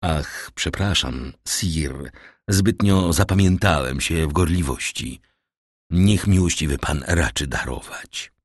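A man's voice: sits low, lively intonation, moderate pace, no echo, clean studio sound. A man voicing a deferential male magistrate who speaks earnestly and respectfully to the king. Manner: bowing, deferential.

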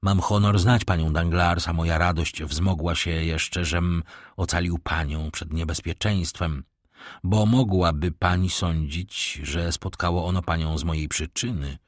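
A man voicing a composed, commanding middle-aged count in an audiobook, speaking in a calm, measured, authoritative way. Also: sits low, no room sound, clean studio sound, pitched below the performer's own voice. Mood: courteous.

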